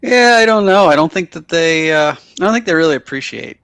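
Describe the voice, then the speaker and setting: A man's voice: a little high, animated, fairly quick, a bit bright, clean tone, no room sound, clean studio sound. A man chatting casually as co-host of a live stream, greeting viewers and talking with his partner.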